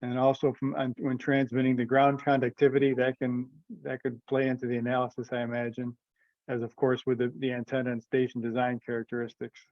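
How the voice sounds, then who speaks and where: Speaking a little fast in a monotone, mid-range voice, a man presents a proposal informally on a remote committee call. The audio carries no echo but is muffled, and he thinks aloud tentatively, seeking agreement.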